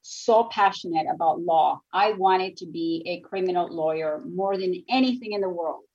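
A Nicaraguan woman whose first language is Spanish tells her story in English as a guest on a radio talk show, sounding earnest and reflective. Her voice is fairly low and a little mellow, at a moderate pace, and the recording has its highs cut off.

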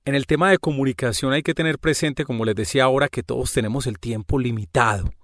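A man's voice: mid-range voice, fast, no room sound, studio quality. A man talking through a podcast monologue in a conversational, explaining way. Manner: conversational, explaining with everyday examples. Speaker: podcast host.

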